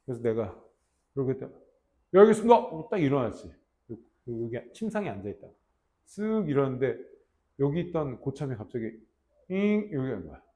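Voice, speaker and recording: A man in his thirties, a teacher telling a class a story in a casual, animated way and acting out shouted army roll calls. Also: mid-range voice, brisk. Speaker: English teacher.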